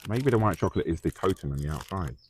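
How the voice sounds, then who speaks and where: A man's voice: deep voice, lively intonation, fast, a little hiss or hum. A man co-hosting a casual chat podcast, earnest, stumbling over first words. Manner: earnest, repeats words when starting. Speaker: podcast co-host.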